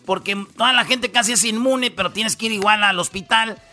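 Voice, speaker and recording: A man's voice: high-pitched, a little fast, pushed and bright, faint music behind. A man with a Mexican Spanish accent hosting a radio comedy show, rambling through the news in slangy, jokey storytelling. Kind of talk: comic news rundown.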